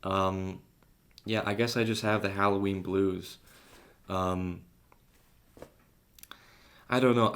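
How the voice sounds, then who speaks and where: Rambling young podcast host. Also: male voice, fairly low pitch, a bit bright. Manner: rambling and hesitant, many fillers. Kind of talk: solo podcast monologue.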